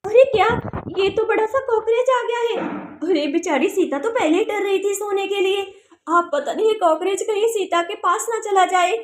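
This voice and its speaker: A woman narrating a doll story and voicing its characters in an animated, chatty way. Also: extremely high pitch, normal speed, echoey room.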